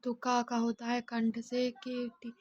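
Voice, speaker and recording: Female teacher, exam revision lesson, monotone delivery, dull lo-fi recording. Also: fairly high pitch, slow. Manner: explains by asking and answering her own questions. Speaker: Hindi teacher.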